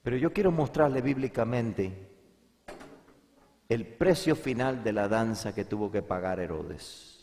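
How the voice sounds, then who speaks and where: A male pastor giving an emphatic sermon, swinging between loud and hushed and repeating words for emphasis. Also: lowish voice, lively intonation, unhurried. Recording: long hall reverb.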